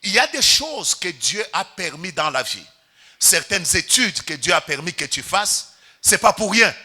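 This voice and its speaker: A man's voice: sits high, very animated, measured pace, sharp tone, husky. A Congolese pastor preaching a sermon in church, calling out to the congregation and stretching his key words for emphasis. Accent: Congolese French.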